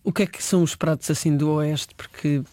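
Interviewer, winding questions. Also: male voice, fairly high pitch, steady tone, fairly quick, mellow, no echo. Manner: long winding questions with fillers.

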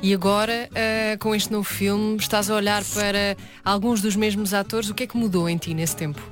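A woman's voice: mid-range voice, fairly even intonation, moderate pace, music in the background. Inquisitive woman interviewer asking questions. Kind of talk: conversational interview.

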